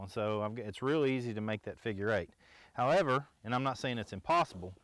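A middle-aged man with a low voice teaches outdoor skills in an easygoing, plainspoken way. He keeps checking in with his viewers as he demonstrates. The sound is dry and close, from a clip-on mic outdoors in the woods. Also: no room sound. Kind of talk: casual instructional demonstration.

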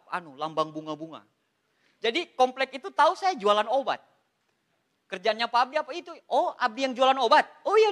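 A man with an Indonesian accent giving an animated, joking seminar talk to an audience, often calling listeners "Pak". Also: high-pitched. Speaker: motivational speaker at a business seminar.

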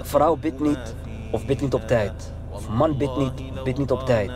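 A man's voice: medium pitch, unhurried, over music. A man giving conversational religious admonition as an interview guest, emphatic, using short repeated phrases and rhetorical questions. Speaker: Islamic preacher, interview guest.

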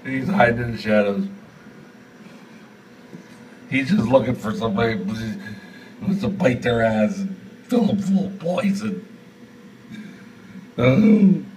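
A man's voice: mid-range voice, expressive, slow, long pauses, a little mellow, distant mic, slight background noise, poor audio. A man improvising theatrically as he films, swearing and reacting with melodrama, speaking indoors into a handheld phone. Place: indoors at a metal sink. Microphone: handheld phone camera.

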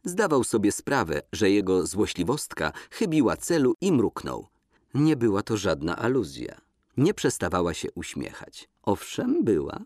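A man narrating an audiobook in a measured, expressive reading voice, recorded in a studio. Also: lowish voice, dry recording.

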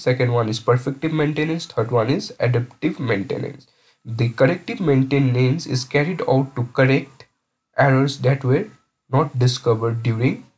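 A man's voice: mid-range voice, husky. A man lecturing over slides, explaining each point step by step and often restarting or repeating words.

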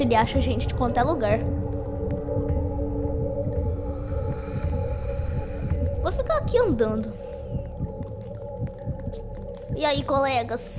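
A woman voicing a sporty, easily frightened young female pony in a game, with a Brazilian Portuguese accent, talking jittery and squealing while playing. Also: high voice. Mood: nervous chatter. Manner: jittery, squealing and shrieking when scared. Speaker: gaming youtuber. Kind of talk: let's play commentary in character. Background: game music.

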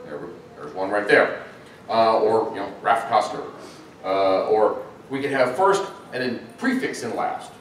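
A middle-aged man giving a chatty, animated conference talk on game design, with ums and uhs. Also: on the low side, unhurried. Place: large echoey conference hall. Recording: echoey hall, distant mic, faint noise.

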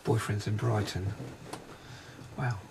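A man working as a psychic medium, describing impressions in a halting, hesitant way inside a railway carriage during a paranormal investigation. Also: lowish voice, level tone, background noise.

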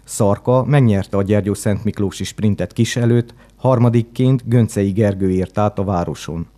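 A man reading a scripted local news report in a measured, even delivery. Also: fairly low pitch. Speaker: news narrator.

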